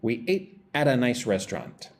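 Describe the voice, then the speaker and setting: Man, English teacher, energetic, lively pitch, faint rumble behind. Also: moderate pace. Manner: energetic, reads chat messages aloud. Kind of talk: live-stream pronunciation lesson.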